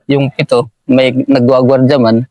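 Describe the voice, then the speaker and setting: A man's voice: medium pitch, flat delivery, a little slow, mellow, no room sound, muffled recording. Deferential man telling a war story. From Eastern Samar, Philippines. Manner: deferential, says "sir" constantly. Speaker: militiaman guest.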